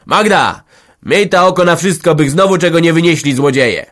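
A man's voice: fairly low pitch, normal speed, lightly acted. A man doing a sly scheming village headman. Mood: threatening. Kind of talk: audiobook character voice.

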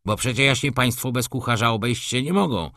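A man's voice: medium pitch, a little fast, sharp tone, no room sound, clean studio sound, pitched above the performer's own voice. A man voicing a smug, self-important valet who gives orders in a condescending tone. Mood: haughty. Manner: commanding, condescending.

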